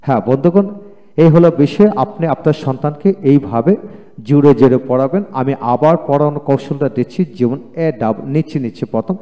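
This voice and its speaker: A man's voice: medium pitch, a little fast, mellow. A man with a Bengali accent giving an English lesson, spelling words out letter by letter, repeating each one twice, and encouraging the viewers he calls friends. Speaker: English teacher. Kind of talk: lecture. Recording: long hall reverb.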